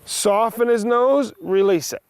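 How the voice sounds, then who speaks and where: A man with a fairly high voice works as a riding instructor. He projects brisk commands to a student, then explains in plain, practical terms. The sound is dry and close, with no room ring. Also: smooth, no room sound. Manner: short directives mixed with plain practical explanation.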